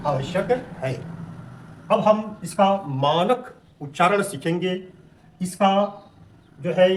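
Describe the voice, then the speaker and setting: Male teacher, high voice, unhurried, patient lesson delivery with long drawn-out vowel demos. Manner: slow, drawn-out vowel demonstrations. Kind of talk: Hindi grammar lesson.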